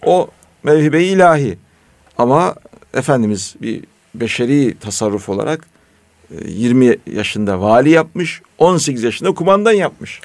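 A man in a casual discussion, telling stories in an earnest, animated way. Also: mid-range voice, normal speed, dry recording.

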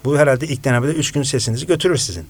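Fast-talking male impressionist telling stories. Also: medium pitch, husky. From Kars, Turkey. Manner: animated, shifts into imitated voices. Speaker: guest voice impressionist. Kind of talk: casual storytelling. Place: radio studio.

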